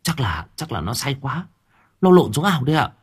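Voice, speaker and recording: A man voicing a frightened young village man who stammers and speaks with agitation, in a husky voice. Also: medium pitch, big pitch swings, normal speed, voice pushed up. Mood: panicked.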